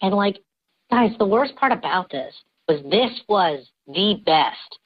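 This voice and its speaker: A man's voice: high-pitched, lively intonation, dry recording, lo-fi sound. A man calling in anonymously through a voice changer, telling a story casually with many hesitations. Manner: halting, many "like"s and restarts. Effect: voice changer disguising his voice. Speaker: anonymous caller.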